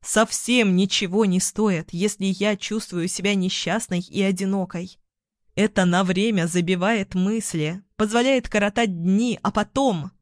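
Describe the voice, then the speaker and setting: A woman's voice: medium pitch, measured pace, no echo, clean studio sound. A woman narrating a first-person audiobook chapter with an emotional, dramatic reading.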